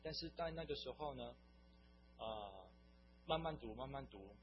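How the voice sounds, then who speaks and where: A man's voice: medium pitch, lively intonation, measured pace. A young man giving an earnest, meandering personal faith testimony. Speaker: testimony speaker. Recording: dull lo-fi recording with faint hum.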